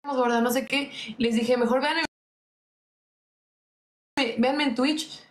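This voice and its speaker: A woman's voice: high voice, fairly even intonation, takes it slowly. A young Mexican woman streaming casually, venting to viewers and coaxing them for gifts. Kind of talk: casual livestream chat. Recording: echoey room.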